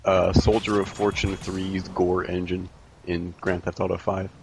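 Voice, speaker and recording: A man's voice: low-pitched, flat delivery, unhurried, gravelly, music in the background. A man chatting casually in a laid-back, rambling way while he plays a video game with friends. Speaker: let's play gamer. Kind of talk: casual gameplay commentary.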